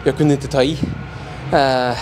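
A sore, exhausted young man chats haltingly in a big indoor gym, his words full of fillers. Music plays clearly behind him. He speaks at a middling pitch into a handheld mic. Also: flat delivery, rough recording. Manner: tired, halting, many fillers. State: sore and worn out. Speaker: vlogger. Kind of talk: casual vlog chat. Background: music playing.

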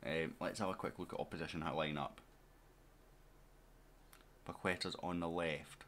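A man's voice: sits low, fairly even intonation, normal speed, a bit bright, slight background noise. A man giving casual let's-play commentary as a gaming YouTuber, chatting straight to his viewers and to his players.

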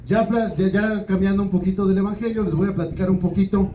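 A man's voice: high voice, steady tone, fast, dark tone, far from the mic. A man with a Mexican accent doing a crude, slang-heavy stand-up routine. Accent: Mexican Spanish. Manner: crude, slangy storytelling, frequent "güey". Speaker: stand-up comedian. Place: small open-mic venue. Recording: roomy, from off-mic with faint room noise.

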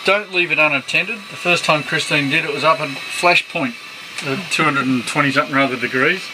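In a small sailboat galley, a middle-aged co-host doing the frying gives casual, matter-of-fact cooking instructions in a brisk, higher voice. Frying and boat noises are clearly audible behind him.

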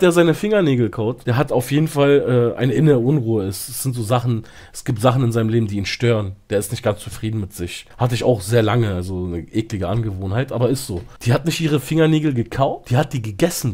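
Male streamer, casual storyteller, very animated and slangy, mid-range voice with plenty of movement. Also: mid-range voice. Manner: slangy and animated, lots of fillers.

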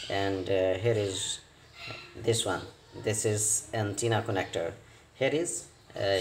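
A non-native English speaker with an ordinary-pitched, slightly mellow voice narrates a hands-on repair tutorial step by step. He is unhurried and hesitant, using short broken phrases, and the roomy, echoey recording carries clear background noise.

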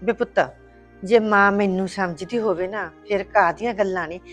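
An actress playing a bossy, sharp-tongued middle-aged mother-in-law in a short film drama, talking in a scolding, two-faced way. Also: medium pitch, normal speed, soft background music, close to an everyday voice. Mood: pleading, plaintive.

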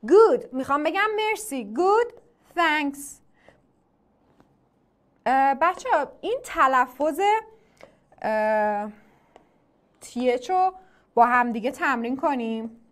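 A woman teaching an online English class. She asks the class questions, answers them herself and repeats English phrases slowly for drilling. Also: high-pitched, animated. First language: Persian.

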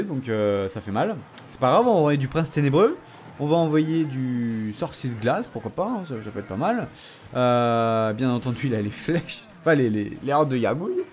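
A man giving animated gameplay commentary, teasing and self-mocking, often laughing and bursting into excited shouts. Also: fairly high pitch, a little hiss or hum. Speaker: gamer commenting his own matches.

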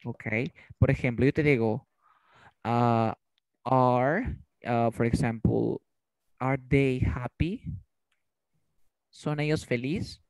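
A man's voice: mid-range voice, fairly even intonation, slow pace, pauses often, darkish tone, no echo. Dry-sounding male teacher quizzing students. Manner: quizzes students with repeated questions. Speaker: English teacher. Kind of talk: online class teaching. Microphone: video call.

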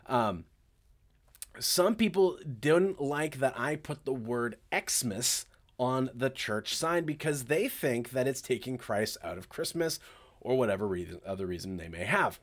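A man's voice: medium pitch, animated, measured pace. A direct, conversational male preacher. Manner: direct, conversational preaching with frequent "okay" check-ins. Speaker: pastor. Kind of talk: sermon.

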